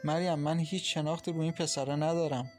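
A male narrator raising his pitch to play a bold young bride-to-be, earnest and playful. Her voice sits higher than his own and stays lively, as a character in an audiobook. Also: faint music behind, lightly acted.

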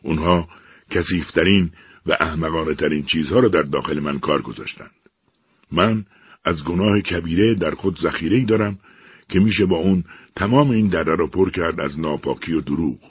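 A man voicing a cruel, lying talking machine, slow, heavy and harsh in its speech. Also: low voice, breathy edge, no echo, studio quality. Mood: menacing.

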